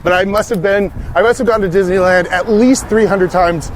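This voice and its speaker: A man's voice: sits high, fairly even intonation, normal speed, low-quality recording. A man, chatting casually and swearing freely while walking outdoors. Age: 50s. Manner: profane, laughing, enthusiastic. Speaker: podcast host. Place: outdoors on a city street. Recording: faint street noise.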